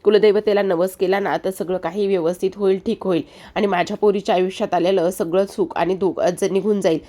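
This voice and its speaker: A woman voicing a kindly older uncle who calmly comforts the family, in a retold serial episode. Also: medium pitch, brisk, lightly acted. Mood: comforting. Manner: calm, comforting.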